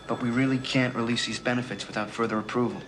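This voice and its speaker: A halting, apologetic office clerk who breaks bad news with care. His voice sits in a middle register. It comes through a worn tape copy, thick with steady hiss. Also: mid-range voice. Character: hesitant male benefits clerk delivering bad news. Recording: hissy worn videotape film clip.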